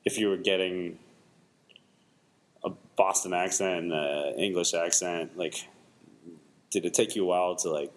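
Male podcast host, very low pitch, halting and casual when asking. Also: fairly even intonation. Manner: halting questions full of fillers. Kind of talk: casual interview questions.

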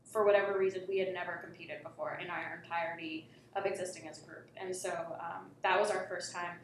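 A young woman chatting casually about her improv group, her words full of fillers. Her voice sits a little low, and it rings in a very echoey room. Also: steady tone, fairly quick, a little hiss or hum. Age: young adult. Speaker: college improv performer. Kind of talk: casual chat.

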